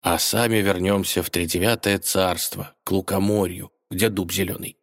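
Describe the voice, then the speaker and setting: Man, storyteller, children's fairy tale, low voice, gentle, speaks to listeners. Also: little pitch movement, moderate pace. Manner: gentle, addresses listeners directly. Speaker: narrator.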